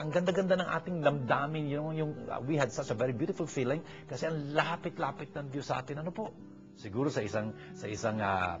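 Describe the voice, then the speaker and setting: A man with a Filipino accent preaching a sermon, mixing English phrases into his talk with many fillers. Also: fairly high pitch. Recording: dull lo-fi recording with faint music.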